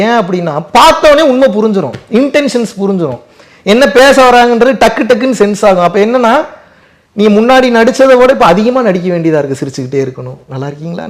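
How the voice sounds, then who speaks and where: A man's voice: high voice, expressive, quick pace. A man answering audience questions in a spiritual talk, driving his points home with rhetorical questions and emphatic repetition.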